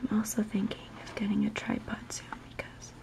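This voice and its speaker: A young woman giving a soft-spoken, whispered ASMR chat in a gentle, unhurried, soothing murmur. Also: mid-range voice, completely flat delivery, vocal fry. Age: young adult. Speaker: ASMR video maker.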